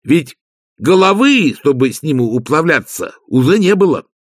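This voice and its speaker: A man reading an audiobook, voicing a slow, gloomy male servant who talks in a deliberate, matter-of-fact way. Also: on the high side, big pitch swings, husky, no room sound, clean studio sound, pitched above the performer's own voice. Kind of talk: audiobook character voice.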